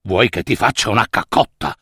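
A man voicing a gentle, slow-witted male donkey in a fairy tale, with a puzzled, slow way of talking. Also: lowish voice, lively intonation, slightly rough, no echo, clean studio sound, pitched below the performer's own voice, heavily acted.

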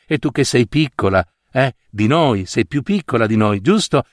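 A man reading aloud and voicing a group of older village women who briskly reassure a young girl. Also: medium pitch, animated, no echo, clean studio sound, natural voice. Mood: reassuring.

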